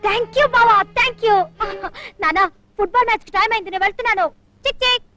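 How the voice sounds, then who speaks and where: A woman's voice: very high voice, a little fast, bright, forceful tone. A woman playing a flighty young daughter in an old film comedy, giggly and mixing in English words. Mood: teasing. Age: young adult. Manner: giggly, mixes English words, repeats a pet phrase. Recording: dry old film soundtrack with music.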